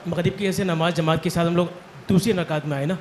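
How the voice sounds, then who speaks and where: Hesitant high-voiced questioner. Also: male voice, fairly even intonation, a little hiss or hum. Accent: Pakistani Urdu. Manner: hesitant, repeating himself.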